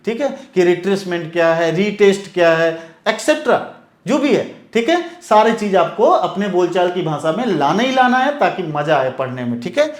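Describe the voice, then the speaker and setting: A man's voice: high-pitched, big pitch swings, normal speed. A man from India giving a classroom lecture on stock market terms. He repeats his points and asks and answers his own questions, checking in with "okay?" as he goes. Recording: echoey room.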